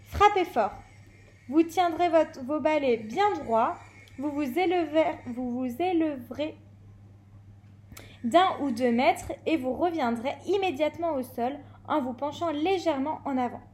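Woman reading as a stern flying instructor, high voice, loud clipped commands, storybook read-aloud. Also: lively intonation, unhurried. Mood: commanding. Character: stern female flying teacher, brisk and commanding.

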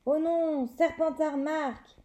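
A woman reading a storybook aloud, voicing a teasing schoolboy commentator calling a match with lively play-by-play. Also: sits high, slow. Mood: excited. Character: excited boy match commentator.

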